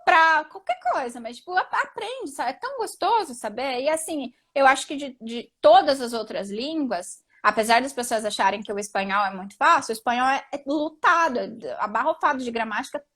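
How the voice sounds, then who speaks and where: A woman's voice: high-pitched, animated, a little fast, few pauses, fairly bright tone. A woman in her thirties, co-hosting a live stream in casual chat, talking in a chatty, emphatic way. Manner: chatty, emphatic, says "tipo" and "entendeu" a lot.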